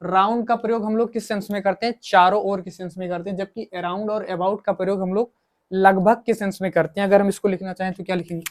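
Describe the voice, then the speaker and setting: Here a man explains English grammar in Hindi during a coaching lesson, illustrating with English examples. His voice is high and fast with fairly even intonation, and he repeats himself while asking and answering his own questions.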